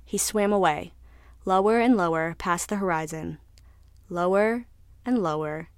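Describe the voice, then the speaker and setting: A woman narrating a scripted story in a measured, even way. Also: lowish voice, clear, resonant tone, dry recording, studio quality.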